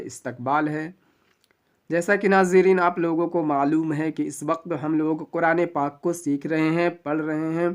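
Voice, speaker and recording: Smooth-voiced man teaching Quran reading. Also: a little high. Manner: patient, spells each letter slowly, stretches vowels when reciting. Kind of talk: Quran recitation lesson, spelling out letters.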